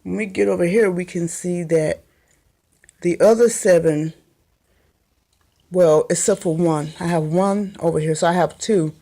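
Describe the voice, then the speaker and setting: A woman's voice: fairly low pitch, fairly even intonation, unhurried, pauses often, mellow. A woman giving a casual home video tour of her small greenhouse, chatty and meandering, with many ums, recorded on a handheld phone. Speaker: gardening vlogger. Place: small makeshift greenhouse, indoors.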